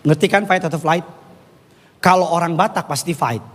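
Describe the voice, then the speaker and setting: A man preaching a sermon, animated and jokey, slipping into playful voices and regional slang. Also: a little high, moderate pace. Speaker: pastor. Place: church hall. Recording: long church reverb.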